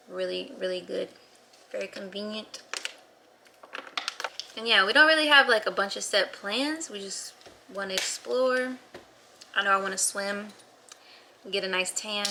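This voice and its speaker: A woman's voice: mid-range voice, vocal fry, background noise. A woman vlogging in casual chat indoors in a small rental, bubbly and playful, laughing often. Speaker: travel vlogger. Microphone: camera mic, talking to camera.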